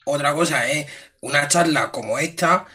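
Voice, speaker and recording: A man's voice: on the high side, normal speed, bright, forceful tone, slightly rough. A man with an Andalusian Spanish accent co-hosting a casual tech podcast chat, joking and swearing freely. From Andalusia, Spain. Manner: chatty, swears casually, jokes with his co-host. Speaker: podcast co-host.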